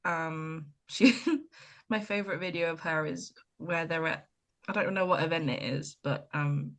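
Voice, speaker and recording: Irish woman podcaster, slightly low voice. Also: a little slow. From Ireland. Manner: animated storyteller, retells scenes with lively quoted voices. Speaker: podcast co-host. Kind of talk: casual chat.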